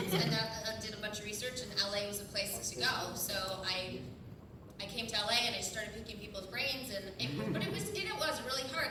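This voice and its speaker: Chatty woman panelist in an echoey hall. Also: fairly high pitch. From Michigan. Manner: chatty, candid, animated storytelling. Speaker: voice actor panelist. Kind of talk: convention panel Q&A. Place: large convention hall. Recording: echoey hall, distant camera mic, noisy.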